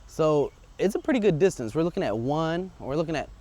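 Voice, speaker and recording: With a wireless lavalier clipped to his shirt, a man testing audio gear talks through a casual, unscripted vlog while walking up a residential street outdoors, thinking aloud as he goes. He sounds a little high and sing-song, brisk, and darkish in tone, with a little hiss or hum on the recording.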